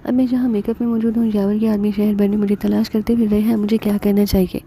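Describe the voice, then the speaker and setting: A woman voicing a calm male secret agent who reports in a matter-of-fact way. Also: medium pitch, fast, slight background noise, natural voice, rough recording. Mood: reporting.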